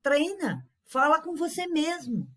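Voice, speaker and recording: A woman teaching a class in an unhurried lecture, with many fillers and repeated words. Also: high-pitched, very animated, fairly bright tone.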